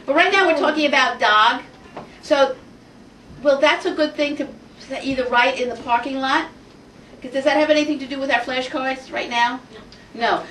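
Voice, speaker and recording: A woman teaching a Hebrew phonics lesson to a class, energetic and coaxing, asking the group question after question. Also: sits high, slight background noise. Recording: roomy classroom audio from far off.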